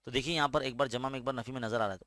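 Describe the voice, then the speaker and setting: A man's voice: mid-range voice, fairly even intonation, rapid-fire, a bit bright, no room sound, clean studio sound. A man teaching a school maths lesson step by step with an Indian Urdu-medium accent, patiently checking in with his students as he goes. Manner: explains patiently, often asks "है ना?".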